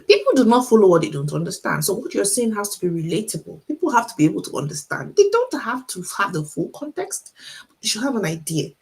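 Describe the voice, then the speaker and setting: This medium-pitched, slightly mellow, sing-song voice belongs to a middle-aged Nigerian woman, an author giving a motivational livestream talk. She speaks with care for her audience, restating her main ideas and asking rhetorical questions.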